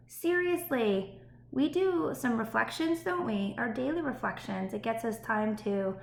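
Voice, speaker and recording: In a roomy, slightly echoey space with faint background noise, a woman with a medium-pitched, fairly bright voice and some vocal fry talks as an elementary school teacher. She reads aloud and chats with young pupils in an encouraging, child-directed way, checking in with little questions.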